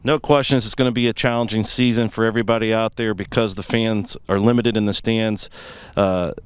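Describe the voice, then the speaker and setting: A man's voice: fairly low pitch, steady tone, fairly quick, clear, resonant tone, no room sound. An American man hosting a pregame sports show and interviewing as a broadcaster at a football stadium.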